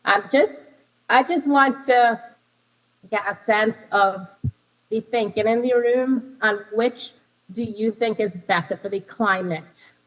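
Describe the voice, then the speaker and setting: A rough recording captures a lecturer from Trinidad presenting interactively to a conference via video call. Her voice sits on the high side and moves slowly, with a Trinidadian accent, and she talks in a chatty way, frequently umming and correcting herself.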